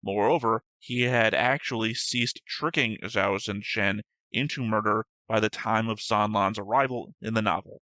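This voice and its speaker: Reading notes for his reaction show, a man chats casually, regularly correcting himself and occasionally cursing. His voice is lowish yet bright and forward, at normal speed with hardly any pauses, captured close and dry without room sound.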